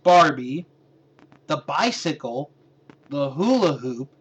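A man co-hosting a podcast in a relaxed, casual chat, often restarting his sentences. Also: on the high side, slow, breathy edge. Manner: relaxed, hesitant, trails off with restarts. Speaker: podcast co-host.

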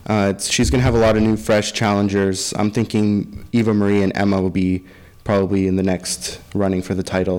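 Man, podcast co-host, somewhat low pitch, casual recap and discussion, echoey room. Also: a little mellow.

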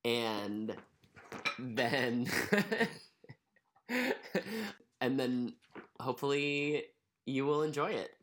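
A man's voice: mid-range voice, fairly even intonation, slow, pauses often, slight background noise. A young American man co-hosting a casual podcast from a living room, talking in a loose, wry, informal way. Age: young adult. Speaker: podcast co-host.

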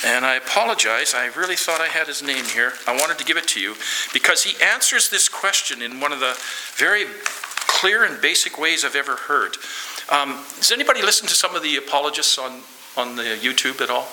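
A man's voice: fairly high pitch, sharp tone, slight background noise, poor audio. A man preaching a guest sermon in a church, earnest and conversational, asking the congregation questions and then leading a prayer.

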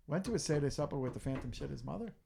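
Podcast co-host, woman, low and expressive, rambling, laughs mid-sentence. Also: very fast, gravelly, noisy background. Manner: rambling, laughs while talking. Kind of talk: casual banter among friends.

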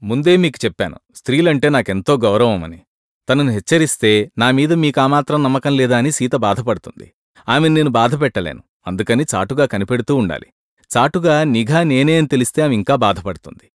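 A man's voice: mid-range voice, animated, fairly quick, no echo, clean studio sound, close to an everyday voice. A man voicing an earnest young husband who is suspicious but polite, speaking in a pleading way during a storybook reading.

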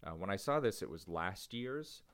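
A man's voice: low-pitched, animated, moderate pace, a bit bright, clear, resonant tone. A man co-hosting an education podcast, chatting casually and rambling a little, often restarting his sentences. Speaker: podcast co-host.

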